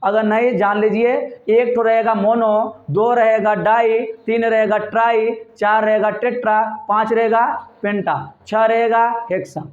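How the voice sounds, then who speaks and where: Male chemistry teacher, high voice, quizzing his own class, echoey room on a tinny mic. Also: little pitch movement, measured pace, hardly any pauses. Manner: quizzing, asks questions and answers them himself. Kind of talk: classroom lecture.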